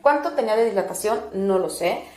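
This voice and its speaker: A woman's voice: medium pitch, a little fast. A woman, a doula and interview guest, recounting a personal experience and acting out the other people's words. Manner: animated, acts out other people's words with a raised voice. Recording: roomy echo.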